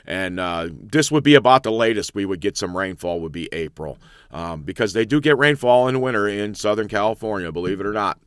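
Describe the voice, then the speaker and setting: Male weather host, relaxed and rambling, smooth dry close sound. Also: on the low side, a little fast, no echo. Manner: chatty, rambling, thinks aloud with many fillers. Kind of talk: casual live weather analysis.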